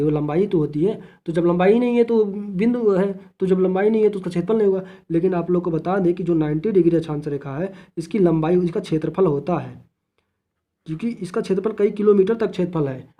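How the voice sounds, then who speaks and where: A man's voice: high voice, fast talker, warm tone. A man teaching a geography lesson, repeating key terms, asking and answering his own questions, and addressing the viewers as friends.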